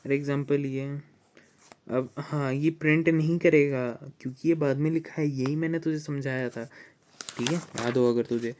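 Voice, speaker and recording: A man's voice: mid-range voice, steady tone, a little mellow. A young man, tutoring a friend in a casual study session, chatty and teasing, tired, with a sore throat. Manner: chatty, teasing, switches into slow halting reading of English text.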